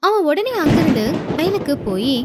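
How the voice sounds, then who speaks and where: A woman narrating a moral folk story in an expressive storytelling manner. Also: sits high, moderate pace, heavy background noise.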